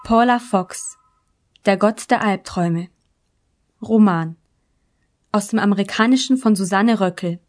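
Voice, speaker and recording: A woman narrating a literary novel in the first person, in a measured, calm audiobook reading. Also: medium pitch.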